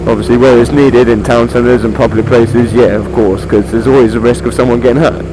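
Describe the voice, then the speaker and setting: A British man talks from inside a motorcycle helmet, with clear vehicle noise around him. His pitch is average for a man. He rambles along in an informal, chatty way, like a rider vlogging on the road, and drops in mild swearing. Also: fairly even intonation, fairly quick. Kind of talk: casual motovlog chat to the viewer while riding.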